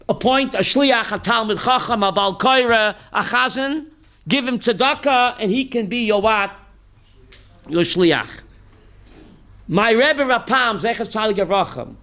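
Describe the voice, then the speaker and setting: In this Torah class sermon, an animated rabbi with a bright, high voice quizzes his listeners. He reads the Hebrew text first, then translates it, posing emphatic rhetorical questions as he goes.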